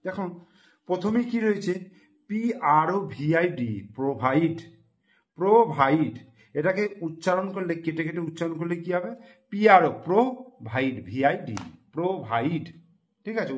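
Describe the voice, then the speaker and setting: Animated male tutor spelling out words. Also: a little high. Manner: spells words letter by letter and repeats them slowly. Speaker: math and English tutor. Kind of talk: teaching young students.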